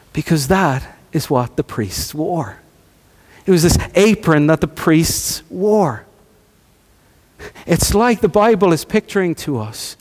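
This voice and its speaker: A man preaching a sermon, moving between hushed, slow lines and rising, near-shouted emphasis, with rhetorical questions and repeated phrases. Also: medium pitch. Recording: long hall reverb.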